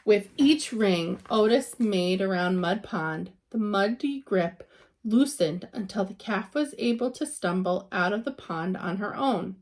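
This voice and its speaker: With a medium-pitched voice, a woman reads a children's picture book aloud, telling the story expressively with dramatic emphasis and stretched-out words.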